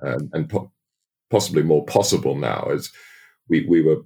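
Very deep, husky-voiced man, halting. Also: lively intonation, warm tone. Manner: halting, many restarts and fillers. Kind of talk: casual podcast chat.

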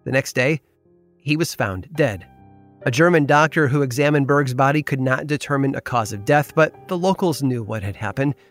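A man's voice: mid-range voice, moderate pace, fairly bright tone, soft background music. A man reading scripted storytelling narration. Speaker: podcast narrator.

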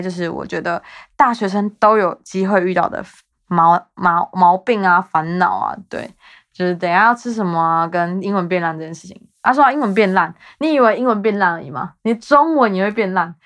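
The podcast host is a woman in her twenties whose voice is lowish and a bit bright, with a Taiwanese Mandarin accent. She chats casually and meanders, often teasing herself.

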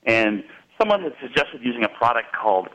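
A man calling in to a radio show over a phone line, speaking in a friendly but halting way with many pauses. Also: medium pitch, very animated, fairly bright tone.

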